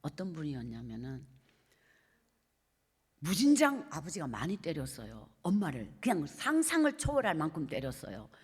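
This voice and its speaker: A middle-aged woman evangelist with a Gyeongsang accent, giving an emotional sermon testimony and often dropping to a soft hush. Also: low voice, huge pitch swings, moderate pace, slightly rough. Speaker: evangelist preacher. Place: church sanctuary. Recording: long reverb of a church hall.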